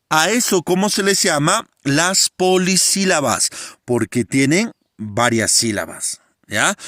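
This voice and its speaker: A man teaching a grammar class in a lively voice that climbs and falls. He keeps checking with his students and stretches out the important terms. The sound is dry and close. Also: a little high, dry recording. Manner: animated, asks students frequent questions. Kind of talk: grammar lesson.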